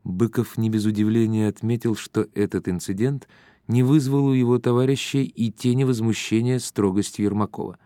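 Low, dry-voiced male narrator. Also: dry recording. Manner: steady, measured reading. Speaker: audiobook narrator. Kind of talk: scripted narration.

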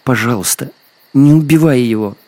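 A man's voice: fairly low pitch, steady tone, drawn-out words, creaky, darkish tone, slightly rough, no echo, heavily acted. A man voicing a frightened but defiant young girl who pleads and threatens in a storybook reading. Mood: pleading. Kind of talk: audiobook character acting.

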